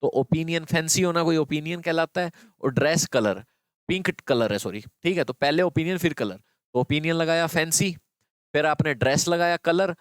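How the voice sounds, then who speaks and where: A man's voice: a little high, moderate pace, clear, resonant tone, dry recording. A man teaching an exam-prep English grammar lesson, explaining step by step and repeating key phrases to his students.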